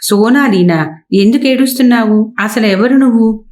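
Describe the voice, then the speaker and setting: A woman's voice: fairly high pitch, moderate pace, darkish tone, pitched above the performer's own voice, close to an everyday voice. A woman narrator voicing a stern, easily irritated woman who owns a rice mill, speaking in brusque, impatient questions.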